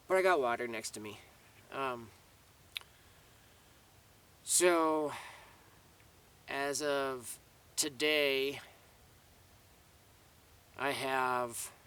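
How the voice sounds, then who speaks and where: Recorded on a distant mic with slight background noise, this man has a bright, forceful mid-range voice. He's a vlogger out in the mountains giving a casual, rambling update to camera, full of fillers and sentences he keeps restarting.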